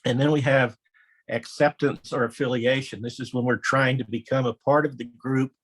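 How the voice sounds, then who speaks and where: Man, middle-aged, husky, anecdotal webinar presenter, does little voices for quotes. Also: steady tone, moderate pace, rough recording. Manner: anecdotal, acts out quoted voices with raised pitch. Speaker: webinar presenter, former elementary principal. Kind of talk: conversational training webinar.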